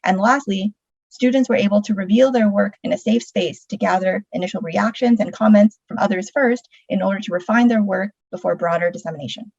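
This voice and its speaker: A woman's voice: medium pitch, brisk, a little mellow, no room sound, dull audio. A woman reading a scripted presentation as one of its presenters.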